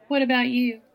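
Her pitch runs fairly high with vocal fry, and the recording's highs are cut off. She's a woman from the American South with a Southern accent, laughing a lot as she flirts teasingly with a bar stranger in one-sided roleplay audio.

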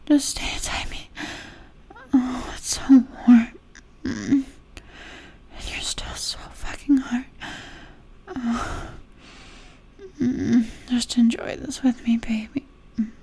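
A woman performing an intimate audio roleplay in a soft, breathy whisper. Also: fairly high pitch, steady tone, slow, long pauses.

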